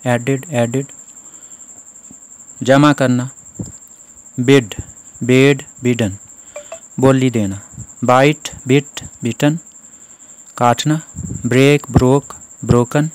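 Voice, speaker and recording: A man teaching an English grammar lesson, reciting verb forms one by one in a slow, measured way and giving each meaning. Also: medium pitch, clear, resonant tone. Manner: slow, measured recitation of word lists with translations.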